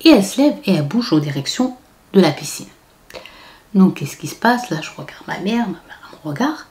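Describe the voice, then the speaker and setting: A woman vlogger speaks fairly quickly at a medium pitch, animatedly recounting a casual storytime tale. She acts out the voices of quoted people and drops into whispers for asides.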